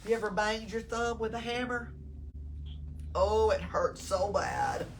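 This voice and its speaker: A woman at medium pitch, speaking with a Southern US accent, reads a picture book aloud at a library storytime. She brings the story to life and draws the children in with questions along the way. The recording, made indoors from a distant mic, carries noticeable room noise.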